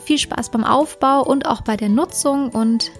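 Calm German-speaking woman explaining dog training. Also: high voice, measured pace, soft background music. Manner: calm, explanatory, with frequent fillers and self-corrections. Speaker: dog trainer and podcast host. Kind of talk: casual instructional podcast talk.

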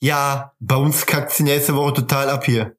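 A man's voice: medium pitch, fairly even intonation, a little slow, a bit bright. A man with a German accent co-hosting a podcast, talking in blunt, mock-grumbling, colloquial banter. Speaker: podcast co-host. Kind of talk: casual joking podcast banter.

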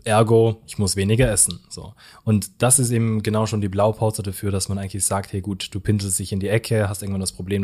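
A man co-hosting a podcast as a weight-loss coach, explaining in an energetic, emphatic way and speaking straight to the listener. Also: on the low side.

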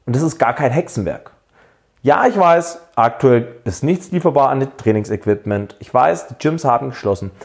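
Lively man coaching home workouts. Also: medium pitch, normal speed, creaky. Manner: energetic, coaching, addresses viewer directly with questions. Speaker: fitness coach. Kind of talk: direct-to-camera fitness advice.

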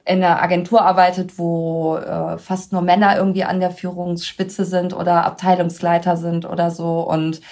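A woman's voice: on the low side, moderate pace, few pauses. A woman hosting a podcast in casual chat, talking freely and laughing often as she tells stories. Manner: chatty, laughs often, lively storytelling. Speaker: podcast host.

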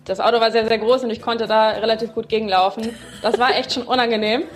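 A young woman with a Brandenburg accent talks in a casual chat. She explains things in a plain, matter-of-fact way. Her voice sits somewhat high. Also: fairly even intonation, fast, faint music behind. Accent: Brandenburg German. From Brandenburg, Germany.

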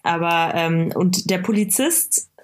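A woman recounting a personal experience in a casual conversation, pausing often with fillers and starting sentences over. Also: on the low side, slight background noise. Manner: halting, many fillers and restarts. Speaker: interview guest.

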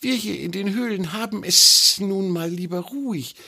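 A man voicing a small, fussy but friendly female cave snake with a hissing, high, slow voice in a children's story. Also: creaky, bright, forceful tone, husky, exaggerated voice. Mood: chatty. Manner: slow, drawn-out speech.

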